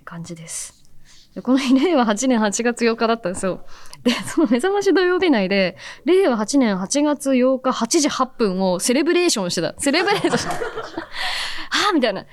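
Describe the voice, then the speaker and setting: A woman in her thirties hosting a radio show, chatting casually and softly, often dropping into near-whispers, and reading listener letters. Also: mid-range voice. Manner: chatty, soft-spoken, drops into near-whispers. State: recovered from nasal congestion. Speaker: radio host and TV announcer.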